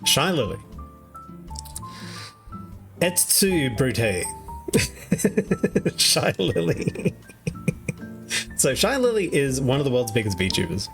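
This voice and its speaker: A man's voice: mid-range voice, big pitch swings, takes it slowly, creaky, pauses often, a bit bright, soft background music. A young Australian man streaming, recapping online drama in rambling, casual chat with many fillers and frequent laughs. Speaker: VTuber streamer.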